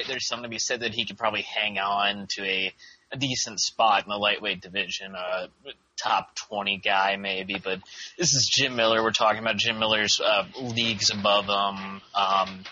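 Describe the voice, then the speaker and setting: Panelist: low, very bright male voice, hesitant, lo-fi mic with faint hiss. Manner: hesitant, many fillers. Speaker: podcast panelist. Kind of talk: casual fight-prediction chat.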